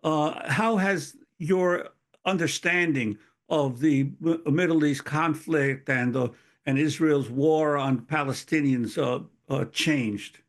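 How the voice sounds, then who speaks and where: A man co-hosting a news show, asking a guest a long question in a halting way. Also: on the high side. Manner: halting, stumbling over words. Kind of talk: interview question.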